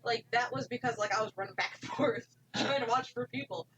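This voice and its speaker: A woman's voice: fairly high pitch, brisk, fairly bright tone, poor audio. Rambling woman with light background hiss. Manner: rambling, many fillers like "like". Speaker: haunted house actor. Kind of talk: casual chat.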